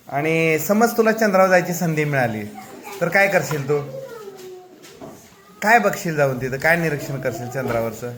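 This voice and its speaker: In a classroom interview, a male teacher with a Marathi accent gently teases and coaxes a young pupil with questions. His voice sits on the high side, and there's slight background noise.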